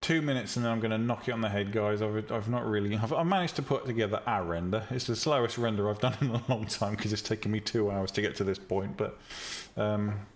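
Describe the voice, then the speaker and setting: He talks fast with hardly any pauses, his lowish voice still calm and relaxing. On his live stream, this teacher of 3D rendering and visual novel making chats casually and bluntly about 3D tutorials, with many ums and restarts.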